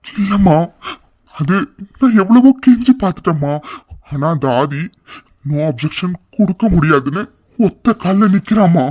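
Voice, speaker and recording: A man's voice: sits high, animated, measured pace, a little mellow, breathy edge, exaggerated voice. A man voicing a doting middle-aged father in a cartoon, soothing his daughter and pressing for help. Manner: soothing, then demanding. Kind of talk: cartoon voice acting.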